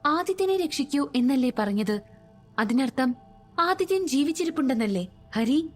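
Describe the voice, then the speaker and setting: A woman's voice: high voice, lively intonation, normal speed, soft background music. A woman voicing a worried young man who keeps calling out to his friend, in a storybook reading. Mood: concerned.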